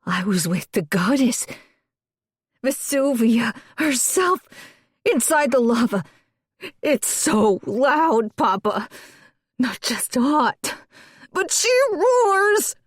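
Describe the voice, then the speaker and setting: Frantic, screaming teen crow-shifter for a dark fantasy audiobook; very high, delirious, raving, slow. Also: male voice, lively intonation, husky, no echo, studio quality, full character voice. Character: frantic teenage boy, shapeshifting crow.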